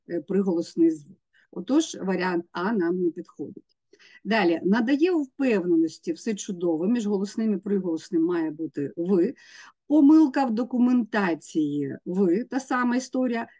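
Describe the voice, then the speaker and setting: Mellow-voiced woman teaching exam prep. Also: medium pitch. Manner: explains step by step, spells out letters and sounds.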